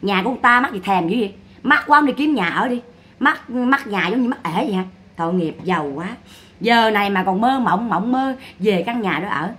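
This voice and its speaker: A woman's voice: medium pitch, lively intonation, fairly quick, fairly bright tone. A woman giving mocking, scolding gossip commentary. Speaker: online commentator.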